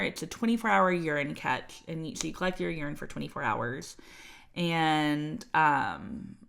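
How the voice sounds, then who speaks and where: A woman's voice: sits low, vocal fry, fairly bright tone. A woman, chatting as podcast co-host and telling a personal story with lots of fillers and quoted voices. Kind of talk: casual chat, telling her birth story.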